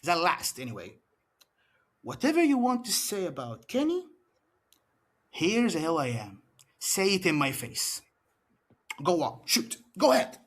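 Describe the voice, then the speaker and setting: Heel champ, taunting man in broken English, slow swaggering delivery, big swings in pitch. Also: huge pitch swings, fairly bright tone. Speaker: wrestling champion. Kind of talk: wrestling promo trash talk.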